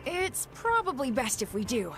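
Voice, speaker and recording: A man's voice: extremely high pitch, normal speed, faint music behind, full character voice. An actor playing a courteous, mysterious young male magician in a game dub. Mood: earnest. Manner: courteous, calm and formal. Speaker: game character.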